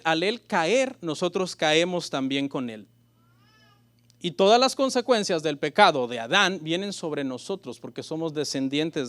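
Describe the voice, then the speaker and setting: A male pastor preaching a sermon. He asks the congregation rhetorical questions, calls them brothers, and briefly acts out the voices he quotes. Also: sits high. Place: church.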